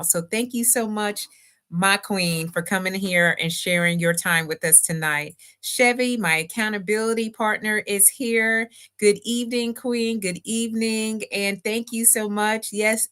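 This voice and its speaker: Brief: fifties woman, upbeat talk show host, sharp bright tone, chatty, webcam sound. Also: mid-range voice. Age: 50s. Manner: exuberant, chatty, reads viewer comments aloud. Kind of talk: livestream birthday talk show. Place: home room with book display.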